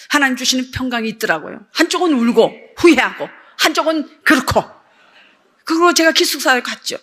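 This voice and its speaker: An older woman missionary gives a lively sermon testimony, acting out voices as she tells her story. Her voice sits high and bright. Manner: animated storytelling, acts out dialogue.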